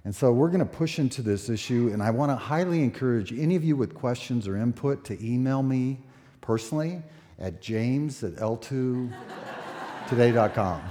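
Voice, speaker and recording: A man in his sixties, a pastor preaching a sermon at a pulpit microphone, relaxed and conversational with many fillers. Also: medium pitch, normal speed. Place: church sanctuary. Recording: echoey church hall.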